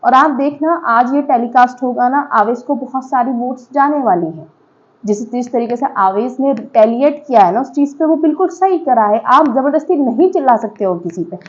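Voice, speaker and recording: A woman's voice: high-pitched, lively intonation, moderate pace, highs cut off. A woman giving casual, emphatic opinion commentary to viewers on a reality show, slipping in English words and checking in with her listeners.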